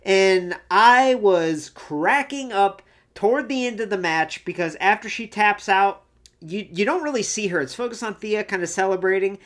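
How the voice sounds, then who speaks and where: A woman's voice: mid-range voice, expressive, normal speed. A woman hosting a casual solo recap show, chatty and enthusiastic, who acts out the quotes she retells. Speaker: wrestling recap host.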